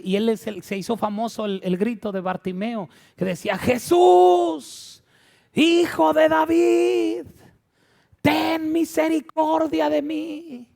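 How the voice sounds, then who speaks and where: A man preaching a lively sermon. His voice is high for a man and gravelly with fry. He jokes and acts out scenes as he goes. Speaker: pastor.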